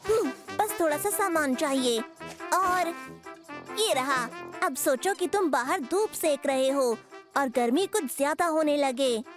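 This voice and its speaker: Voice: sits high, lively intonation, a little slow, a bit bright. A busy young boy bear inventor. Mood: explaining. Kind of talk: Hindi cartoon dubbing. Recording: music playing underneath.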